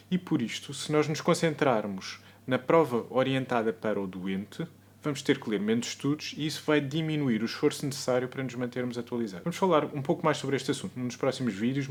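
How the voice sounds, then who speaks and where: A male medical lecturer with a European Portuguese accent, talking through a recorded video lesson. His delivery is measured and explanatory, and he sometimes corrects himself mid-sentence. His voice sits at an ordinary middle pitch for a man.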